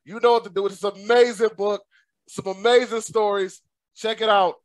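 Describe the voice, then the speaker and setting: Hype podcast host guy, high voice, dry close sound, slangy and laughing a lot. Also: fairly even intonation, moderate pace, dry recording. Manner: hyped, upbeat, slangy, laughs often. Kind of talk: casual interview chat.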